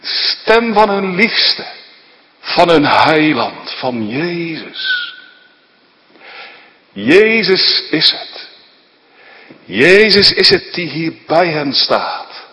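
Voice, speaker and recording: Man, preacher, dramatic Bible storytelling, slightly high voice, long echo of a large hall. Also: huge pitch swings, extremely slow, pauses often, bright, forceful tone. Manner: vivid, asks listeners rhetorical questions, tag "hè".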